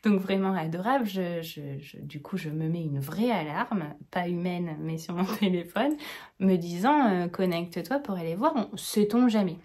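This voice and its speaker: A woman hosting a knitting podcast, talking in a chatty, rambling and enthusiastic way, and sometimes dropping into a soft whisper. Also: on the low side, normal speed. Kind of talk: casual chat.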